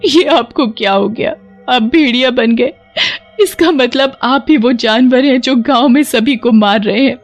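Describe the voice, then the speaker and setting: A woman voicing a worried young wife in an animated storybook, asking anxious questions. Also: high-pitched, measured pace, dull audio, faint music behind, voice pushed up.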